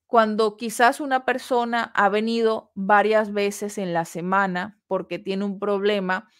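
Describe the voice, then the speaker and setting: A woman instructor delivering a recorded lesson at a medium pitch. She explains each point in a measured, patient way, pausing between phrases and posing rhetorical questions to the listener. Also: little pitch movement, clear, resonant tone. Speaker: course instructor. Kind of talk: recorded lecture on customer service.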